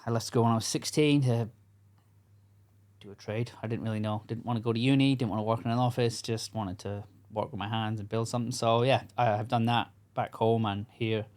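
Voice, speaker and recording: In a casual interview, a middle-aged Scottish podcast guest who coaches construction workers talks earnestly and frankly, often using fillers and restarting. His medium-pitched voice stays steady, a little fast and a little mellow.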